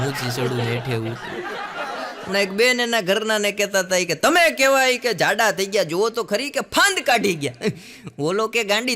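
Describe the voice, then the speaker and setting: A man with a Kathiawari Gujarati accent tells jokes on stage in a high, bright voice. He shifts quickly into the voices of the people in his jokes. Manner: lively storyteller, putting on other people's voices. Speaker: stand-up comedian. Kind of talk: Gujarati stand-up joke telling.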